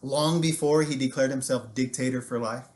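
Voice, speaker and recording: An American storytelling teacher with a medium-pitched voice narrates history at a moderate pace. His style is animated and informal, sprinkled with jokey asides along the way.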